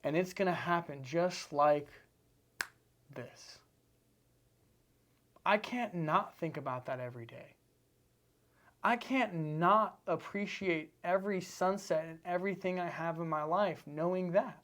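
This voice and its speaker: A man's voice: high voice, unhurried, long pauses, a bit bright. A man from Seattle, a podcast guest, talking earnestly in a casual interview with repetitive, emphatic phrasing. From Seattle, United States.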